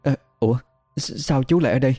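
A man's voice: mid-range voice, normal speed, warm tone, faint music behind, voice pushed up, lightly acted. A male storyteller voicing a young mother who talks in a hesitant, raised voice. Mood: flustered. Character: young mother, anxious and flustered, at times eerily childlike.

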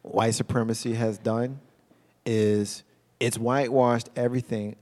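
A middle-aged man hosting an internet radio show, talking in a relaxed, colloquial way. His voice sits at an ordinary pitch. He chats loosely and conversationally. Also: unhurried. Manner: relaxed, colloquial, laughs often. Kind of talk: casual chat.

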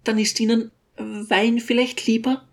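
A man voicing a timid, flustered young hostess in an audiobook, speaking hesitantly and softly. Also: very high-pitched, flat delivery, a little slow, creaky, pitched above the performer's own voice, full character voice. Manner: hesitant, soft-spoken.

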